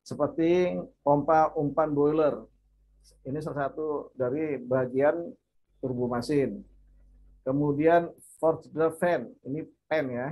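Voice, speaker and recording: A man's voice: on the high side, darkish tone. A male university lecturer giving an online lecture over a video call, explaining step by step with fillers and repeated words. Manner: explanatory, lists parts with many fillers and repeats. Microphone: computer mic on a video call.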